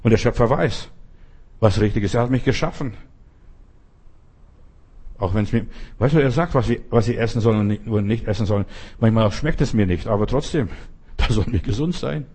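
A man's voice: on the low side, a little fast, pauses often, a little mellow, slightly rough. A man preaching a sermon in an earnest, emphatic manner and retelling stories.

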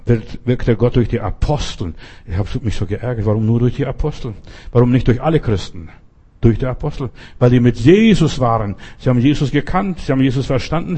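A man delivers an urgent sermon in a dark, mellow voice. He speaks straight to the listener and hammers the same points over and over. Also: medium pitch, breathy edge. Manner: exhorting, repetitive, addresses listener directly. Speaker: preacher.

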